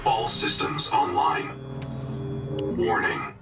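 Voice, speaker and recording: A man voicing a ship's computer in a video game, with a synthetic announcer effect, giving flat, clipped power status alerts. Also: medium pitch, slow, gravelly, over music, heavily acted. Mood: system alert.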